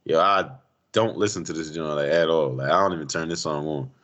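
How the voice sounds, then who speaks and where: A man's voice: rumbling low, fairly quick, fairly bright tone. A man co-hosting a casual music chat, blunt and slangy in his opinions. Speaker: podcast co-host.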